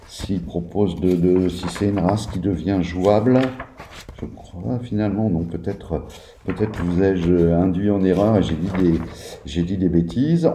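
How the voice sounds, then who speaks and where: A low-voiced man talks through a game book in a casual review. His tone is very dark and mellow, and he hesitates often and restarts his phrases. The sound is echoey, as if in a bare room. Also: slight background noise. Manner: hesitant, many fillers and restarts.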